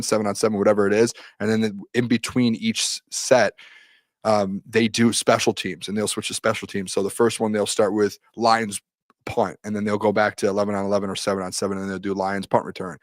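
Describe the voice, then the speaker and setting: On a solo live-stream, a young man with a low voice rambles through a sports practice recap, restarting often and reading chat questions aloud. He's losing his voice and clears his throat. The sound is clean studio audio with no echo.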